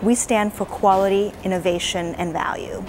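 Over music and through poor audio, a woman in her forties speaks with medium pitch and fairly even intonation. She's an advocacy director in a hotel lounge, giving earnest, measured interview answers filled with fillers.

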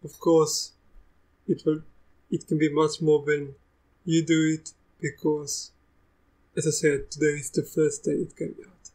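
A young man with a South African accent touched by Russian, hosting a live software tutorial in a chatty, easygoing way, restarting sentences as he goes. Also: fairly high pitch, flat delivery, unhurried, long pauses, low-quality recording. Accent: South African, with a bit of Russian. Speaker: tech tutorial host.

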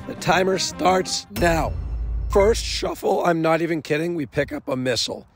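A man in his twenties with a hoarse smoker's rasp and a congested cold, casually narrating poker hands in a brash, sweary way. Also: a little high, normal speed. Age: 20s. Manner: brash, profane, jokingly self-deprecating. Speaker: poker vlogger. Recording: voice-over with music behind.

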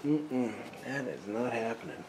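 Inside and behind a derelict abandoned house, an American urban explorer vlogger in his forties narrates a casual vlog, wry and muttering to himself. His medium-pitched voice is very animated and a little slow. The audio is noisy, taken from a handheld camera mic.

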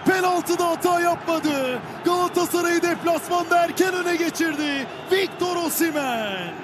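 A man's voice: very high-pitched, normal speed. A man commentating live on football, screaming long, stretched-out goal calls and names. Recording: noisy broadcast with stadium crowd behind.

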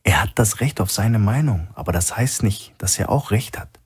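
Steady seasoned investigator guy, grave and matter-of-fact, husky voice as a man reads him. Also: lowish voice, moderate pace, voice pushed up. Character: calm, experienced male investigator.

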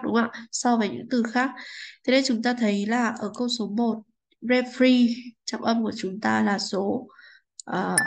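A woman's voice: a little high, poor audio. A woman English teacher explaining a textbook lesson, politely checking understanding with frequent tag questions.

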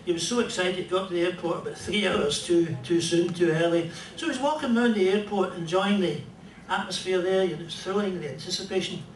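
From a small club stage, backed by a band, an older man from Scotland who works as a comedian and musician rambles through dry stand-up storytelling, pausing between jokes in a fairly high voice. Though he uses a stand mic, the audio comes from a distant camera, sounding roomy and far away with obvious room noise.

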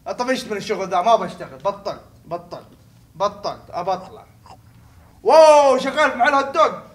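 A young man doing playful, teasing let's-play commentary, often laughing and breaking into shouts. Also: high voice, animated, quick pace. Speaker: gaming video host.

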